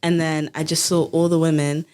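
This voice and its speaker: A woman's voice: deep voice, moderate pace. A 20-year-old woman, originally from Ghana, an engineering student who tells stories animatedly. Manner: animated storyteller. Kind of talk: casual podcast chat.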